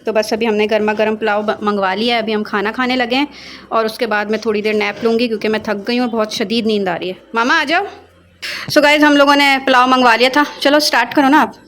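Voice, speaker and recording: A young woman vlogging in a casual, chatty way, telling family stories and turning soft and wistful when she remembers. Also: fairly high pitch, fairly even intonation, quick pace, slight background noise. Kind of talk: casual vlog chat.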